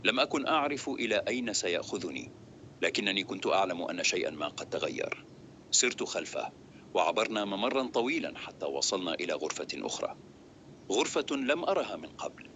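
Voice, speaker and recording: A man reading a dramatic first-person story as scripted narration, steady and grave. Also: lowish voice, a little hiss or hum.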